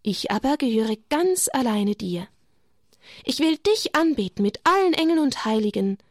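A devout mother from a storybook, read aloud by a woman instructs children in prayer. Her delivery is firm, earnest and instructive. The voice is fairly high and sits close and dry. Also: big pitch swings, normal speed, no echo. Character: warm pious mother teaching children.

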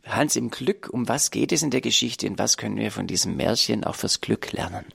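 A man hosts a radio talk show in a calm, measured way. His voice is low and heavily gravelly. The studio sound is dry and close. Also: dry recording. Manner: calm and measured, invites listeners to call in.

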